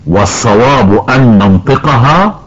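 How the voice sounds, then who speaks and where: A man playing an elderly grandfather who patiently teaches Quran recitation rules to his granddaughter, slowly drawing out example words. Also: mid-range voice, animated. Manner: slow, careful explaining, stretches out example words. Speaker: tajweed teacher. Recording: dull lo-fi recording.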